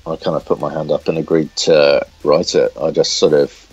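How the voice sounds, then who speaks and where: Faint music sits behind a comic writer speaking in a very low, darkish voice with a breathy edge and flat delivery. In a casual interview he stumbles and repeats words, recorded on a smartphone in dull, lo-fi quality.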